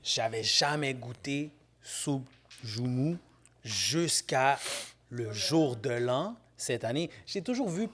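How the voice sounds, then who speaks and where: Lively man, laughing banter. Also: medium pitch, slow. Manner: animated, laughing, mixes English slang. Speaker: guest artist. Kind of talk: casual podcast banter. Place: podcast studio.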